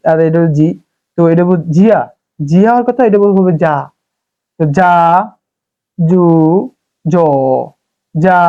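A man's voice: sits high, warm tone, muffled recording. A man teaching Japanese, repeating each syllable aloud twice in a casual spoken lesson. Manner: repetitive, drilling syllables aloud twice over.

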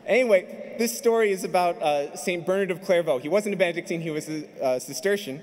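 A man's voice: sits high, normal speed, a little mellow. A man in his thirties, a priest delivering a fervent sermon at a pulpit mic in a large arena. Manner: fervent, building to emphatic peaks. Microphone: stand mic at pulpit. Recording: long arena reverb.

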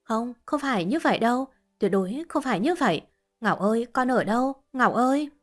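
A woman's voice: fairly high pitch, expressive, moderate pace. A woman voicing a desperate, grieving older mother who pleads through sobs. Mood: wailing. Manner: sobbing, pleading.

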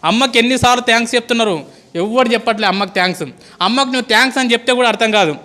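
A man's voice: very high voice, racing, bright, forceful tone. A male school teacher gives an impassioned, pleading motivational speech to students. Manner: impassioned, pleading, calls listeners "boss".

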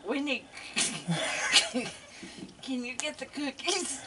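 A woman's voice: high voice, sing-song, drawn-out words. A middle-aged woman chatting casually and laughing a lot, in a sing-song voice for the animals, filmed on an outdoor deck at night with a phone camera a few steps away. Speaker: companion feeding raccoons. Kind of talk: casual chat. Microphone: phone camera held a few steps away. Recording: noisy outdoor phone recording.

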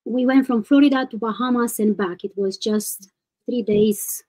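Calling in via video on her webcam from a home room, a woman from Romania in her thirties lays out her situation step by step, hesitantly and in detail. She has a warm voice on the high side and a moderate pace, though the recording is rough.

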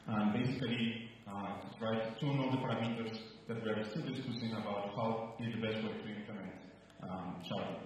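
A man in his thirties from Nicaragua giving a conference presentation into a handheld mic, halting with many fillers. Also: on the low side, steady tone, slight background noise. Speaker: researcher giving a conference talk. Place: large room at a conference. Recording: roomy hall sound from a distant mic.

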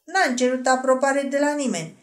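A woman voicing a smug, self-assured nobleman with a slightly hoarse voice in an audiobook, mocking and unhurried. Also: high voice, lightly acted. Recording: roomy echo.

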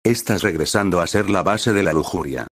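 An impatient, grumbling female lust spirit, voiced by a man reading a fan story. Low, dry, close voice. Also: moderate pace, no echo. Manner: grumbling, complaining. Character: lustful female spirit side of a girl, impatient.

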